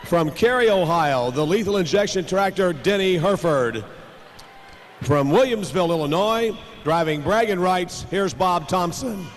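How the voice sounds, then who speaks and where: A man with a fairly high voice works as a tractor pull announcer. He calls out line-ups live, drawing names out like a showman. The sound rings with long arena reverb over faint noise. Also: lively intonation, a little slow. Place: large indoor arena.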